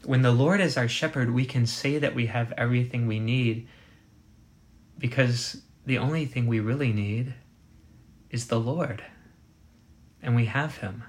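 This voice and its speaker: A man preaching a sermon, measured and emphatic, slowing down to dwell on quoted scripture. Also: medium pitch. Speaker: pastor.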